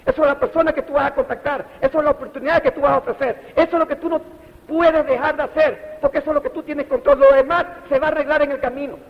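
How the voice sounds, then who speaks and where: A middle-aged motivational speaker from Panama delivers a preachy speech, putting rhetorical questions directly to his audience. His voice is extremely high-pitched, quick and fairly even in intonation. The hall recording sounds dull and echoey.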